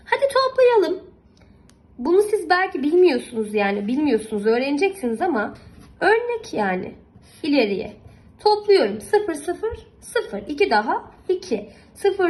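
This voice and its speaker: A woman's voice: high voice, rough recording. A young woman teaching a math lesson to young children, patient and encouraging, often repeating and checking that they follow. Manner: encouraging and affectionate toward pupils.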